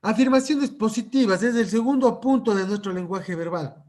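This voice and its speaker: High-voiced man giving a lecture. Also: moderate pace, darkish tone. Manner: checks in often with rhetorical "¿sí?" and "¿ya?". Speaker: psychological first aid lecturer. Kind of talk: conference lecture.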